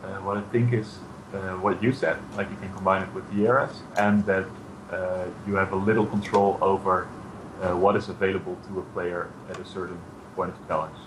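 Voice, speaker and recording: A very deep-voiced man answers interview questions as a game developer. He speaks cautiously, filling gaps with uh, and there is clear noise behind him. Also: flat delivery, fairly quick. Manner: hesitant, many uh fillers, cautious. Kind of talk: casual interview chat.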